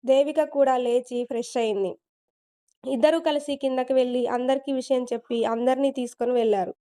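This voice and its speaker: A woman reading a story aloud in a steady, expressive narrating style. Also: high voice, a little fast, smooth.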